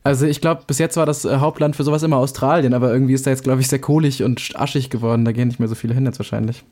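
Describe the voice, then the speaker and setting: A man's voice: medium pitch, steady tone, rapid-fire, mellow. A young man co-hosting a podcast in casual chat, chatty and teasing. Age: young adult. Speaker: podcast co-host.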